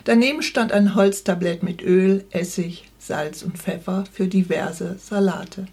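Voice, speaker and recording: A woman author who reads from her novel and then chats in a relaxed, easy way as an interview guest. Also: medium pitch, unhurried, slightly rough. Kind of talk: reading a novel aloud, then interview chat.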